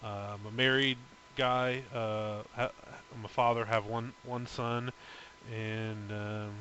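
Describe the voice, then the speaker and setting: A man's voice: on the low side, little pitch movement, takes it slowly, sharp tone, muffled recording, a little hiss or hum. A man co-hosting a gaming podcast, introducing himself in a hesitant way with many fillers. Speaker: podcast co-host. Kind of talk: casual self-introduction.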